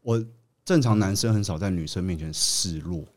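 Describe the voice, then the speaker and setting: A man's voice: sits low, normal speed, slight background noise. A man, a podcast guest telling a story in casual chat and acting out the quotes. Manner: animated storyteller, acts out quotes.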